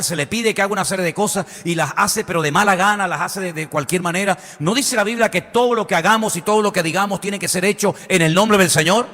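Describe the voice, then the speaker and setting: Impassioned male preacher in a reverberant hall. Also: high voice. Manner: impassioned, rhetorical questions, swings loud and soft. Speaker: pastor. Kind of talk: sermon.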